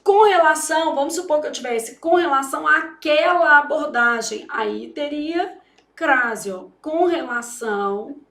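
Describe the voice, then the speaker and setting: A woman's voice: high-pitched, a little slow, vocal fry, a bit bright, roomy sound. A Brazilian woman teaching grammar for exam preparation, speaking emphatically and dramatically, with frequent checks on her students. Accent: Brazilian Portuguese. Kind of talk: exam-prep grammar lesson.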